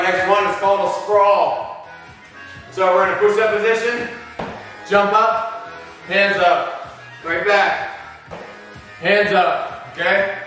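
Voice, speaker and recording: A man's voice: sits high, pushed and bright. A middle-aged man coaching a workout as he exercises, giving rallying pep-talk cheers in short urging commands, recorded in a home gym. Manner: exerting himself while talking. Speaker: fitness coach. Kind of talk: live workout instruction with counting. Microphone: camera several metres away. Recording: very echoey room, far from mic.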